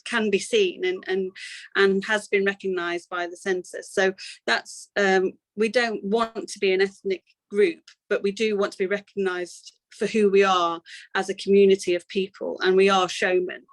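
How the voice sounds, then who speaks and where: A woman's voice: mid-range voice, flat delivery, normal speed. A woman speaking on a webinar panel, hesitant and repeating words as she goes. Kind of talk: webinar discussion. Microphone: video call.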